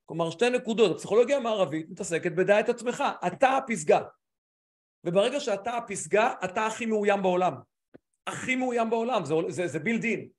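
High-voiced male coach hosting, restless. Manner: animated, hesitant restarts, emphatic repetition. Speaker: host, mental coach. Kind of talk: live online talk.

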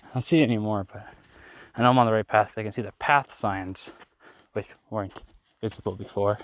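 Walking a desert trail after dark, a young Canadian vlogger talks into his handheld phone a little fast, his lowish voice keeping a steady tone. He rambles, mocks himself, and sounds worn out and a bit breathless from hiking.

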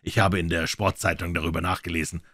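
A man voicing a calm, slightly embarrassed young gentleman in a crime audiobook, explaining himself at length. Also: low-pitched, fast talker, no room sound, clean studio sound.

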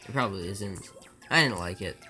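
A man with a bright, forceful voice chatting with his viewers while he speedruns. He rambles, jokes and restarts his sentences, and faint game music plays underneath. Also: low voice, a little fast. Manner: rambling, joking, stammering restarts. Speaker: speedrunner streaming live. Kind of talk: casual live-stream chat with viewers.

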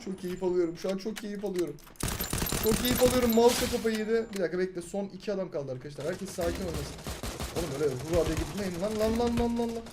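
A man in his twenties giving excitable live commentary on his own gameplay, bossing and teasing his teammates and boasting about his wins. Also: high voice, quick pace, background noise. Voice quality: excitable, swings between shouting and muttering. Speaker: gaming video host. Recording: loud game gunfire behind the voice.

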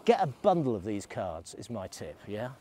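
A man's voice: lowish voice, very animated, moderate pace, mellow, a little hiss or hum. A middle-aged man, vlogging in a chatty, rambling way while out on a snowy ski slope, filming himself at arm's length. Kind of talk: casual vlog while skiing. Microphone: selfie camera at arm's length.

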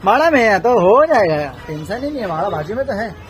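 A man's voice: sits high, big pitch swings, fast talker, music in the background. A young man chatting casually in a family vlog, playfully teasing his baby son. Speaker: family vlogger. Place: small home during rain. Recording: noisy phone recording.

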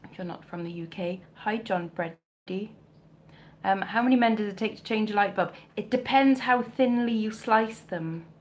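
Close to her webcam or phone in a shelf-lined bedroom at home, a livestream host who resells vintage clothing chats casually and jokes while replying to comments. This South Wales woman in her thirties has a mild Welsh accent and a medium-pitched voice at normal speed, and her manner is chatty and self-mocking, full of jokey asides.

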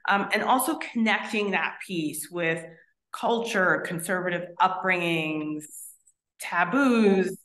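A woman's voice: lowish voice, fairly bright tone. Polite woman host in an echoey room. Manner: measured, polite framing of questions. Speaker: webinar host. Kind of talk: interview moderation. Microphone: video call. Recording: echoey room on video call.

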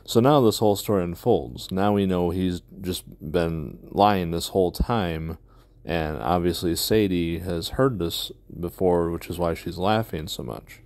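A man pausing a clip to comment wryly on what was said. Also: low-pitched, a little mellow, no room sound. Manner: wry, sarcastic asides. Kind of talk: reaction commentary.

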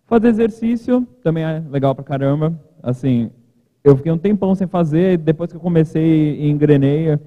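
A man giving a casual, joking keynote at a podium in a large conference hall. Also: a little high. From Brazil. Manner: chatty, informal, joking asides. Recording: reverberant hall, thin lo-fi sound.

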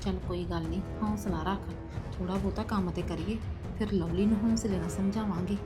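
A woman's voice: medium pitch, steady tone, a little fast, over music, natural voice. An actress playing a middle-aged mother who complains and plots against her daughter-in-law. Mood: complaining. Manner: complaining, conspiratorial. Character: scheming middle-aged mother, worried and resentful. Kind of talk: web drama acting.

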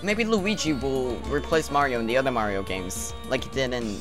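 A man's voice: mid-range voice, moderate pace. A young man joking and sarcastically commenting as he plays a game. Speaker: let's play commentator. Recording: game music behind.

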